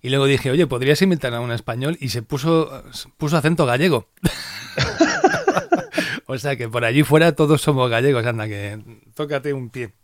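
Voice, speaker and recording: A man's voice: mid-range voice, normal speed, dry recording. Guy from spain on a podcast, chatty film recap, dry close sound. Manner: chatty, animated retelling with acted-out quotes. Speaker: podcast host. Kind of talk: casual podcast chat retelling a film.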